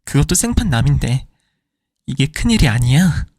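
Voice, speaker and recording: A man's voice: mid-range voice, very animated, moderate pace, darkish tone, no echo, clean studio sound. A man voicing a furious middle-aged wife who fires indignant questions at her husband, in a storytelling reading.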